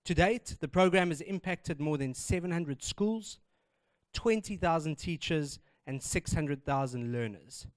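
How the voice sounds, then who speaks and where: Host: man, slightly high voice, formal intro read with little stumbles, dry close sound. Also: lively intonation, unhurried, no room sound. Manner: formal, reading with small stumbles. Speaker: event host introducing speaker. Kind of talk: reading a speaker introduction.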